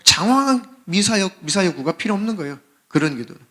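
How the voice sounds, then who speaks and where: Bright-voiced Korean pastor preaching. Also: male voice, high-pitched, very animated, quick pace. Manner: impassioned preaching, acts out pleading prayers and shouts. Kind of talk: sermon. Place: church sanctuary.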